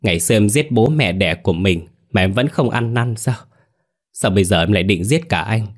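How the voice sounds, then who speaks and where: A man's voice: low voice, moderate pace, close to an everyday voice. A man playing a scheming, falsely caring husband. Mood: pleading. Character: scheming young husband feigning tender concern.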